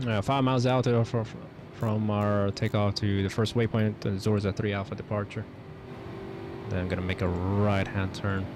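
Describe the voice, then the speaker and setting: A man's voice: on the low side, little pitch movement, normal speed. A man giving casual step-by-step cockpit commentary and radio calls as a flight simulator pilot. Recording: loud vehicle-like engine noise.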